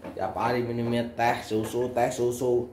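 A man's voice: medium pitch, completely flat delivery, moderate pace, darkish tone, slight background noise. A man, a father, chatting casually and teasing playfully in a family video. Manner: teasing, laughing, playful commentary.

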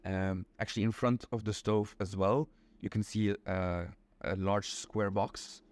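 A man's voice: on the low side, little pitch movement, unhurried, darkish tone. Young Belgian man explaining patiently. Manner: patient, explains step by step with many ums. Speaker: interview guest. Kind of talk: casual explanatory chat. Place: small indoor room.

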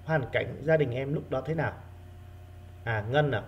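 A male primary school teacher giving an online reading lesson, repeating key words slowly for his pupils. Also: mid-range voice, muffled recording, slight background noise.

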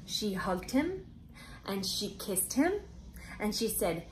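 In a low-quality indoor recording made on a camera mic, with a little hiss or hum, a woman in her thirties reads a picture book aloud to young children. Her mid-range voice draws out words with expressive emphasis as she hosts.

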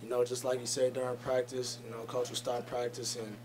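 A young man, a college running back, giving short, measured answers at a post-game press conference through a table microphone. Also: medium pitch, completely flat delivery. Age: young adult. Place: press conference room, indoors. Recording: noticeable background noise.

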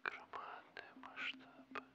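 A soft, breathy whisper guides listeners toward sleep in an ASMR style. The delivery is slow and dreamy, with soothing repeated phrases. It sounds distant and washed in echo. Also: extremely low pitch, monotone. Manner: soft unvoiced whisper throughout.

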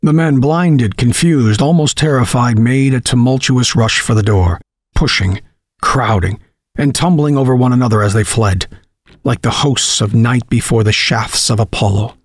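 A man narrating a horror story, reading in a measured, dramatic way. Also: mid-range voice, no room sound, clean studio sound.

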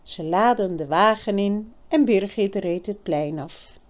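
A woman reading a children's novel aloud, narrating in a measured, expressive way. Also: mid-range voice. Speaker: audiobook reader. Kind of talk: storybook narration.

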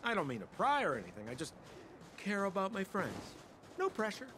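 An actor voicing a sly, smooth-talking young male merchant in a game, with wheedling sales patter. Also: sits high, huge pitch swings, a little fast, noisy background. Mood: nosy. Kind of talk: game voice acting.

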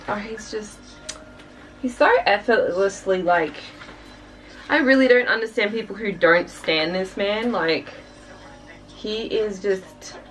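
A young woman from Australia chats her way through an album unboxing, gushing, sighing and dropping fillers. She talks slowly and unhurriedly at a middling pitch. Her voice sits a little back from the mic, with faint music underneath. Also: fairly bright tone, recorded from a distance, poor audio. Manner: gushing, chatty, lots of fillers and sighs. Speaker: K-pop reaction vlogger. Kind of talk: casual unboxing chat.

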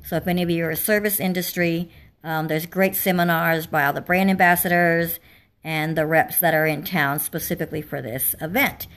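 A woman hosting a casual livestream from home, her voice slightly raspy as she is losing it, chatting with fillers. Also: lowish voice, steady tone, a little fast, fairly bright tone. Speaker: livestream host. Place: home, indoors.

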